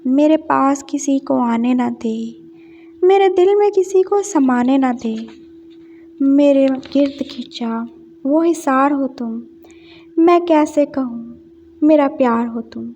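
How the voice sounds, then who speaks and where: Storybook voice: a sensitive young poet, sulky and tender, high-pitched and soft-edged, read by a woman, dull lo-fi sound. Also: takes it slowly, a little hiss or hum.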